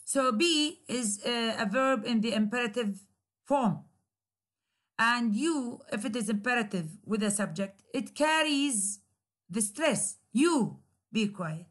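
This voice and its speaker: Woman lecturer, Iraqi Arabic accent, slightly high voice, slow and deliberate, repeats her examples. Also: lively intonation, fairly bright tone. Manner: slow, repeats key phrases and example sentences. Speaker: English grammar lecturer. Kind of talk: recorded university lecture.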